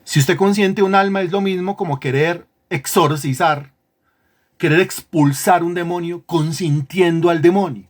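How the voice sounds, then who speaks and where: A man's voice: on the high side, measured pace. Emphatic man preaching a sermon. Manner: emphatic, repeats phrases, asks the congregation questions. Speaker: pastor. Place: church congregation.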